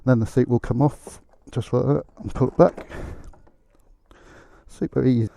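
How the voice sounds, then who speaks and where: Man muffled inside a helmet, very dark tone. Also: mid-range voice, measured pace, creaky. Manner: talking from inside a motorcycle helmet. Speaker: motorcycle repair video presenter. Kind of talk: casual hands-on tutorial commentary. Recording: close, dry, muffled helmet audio.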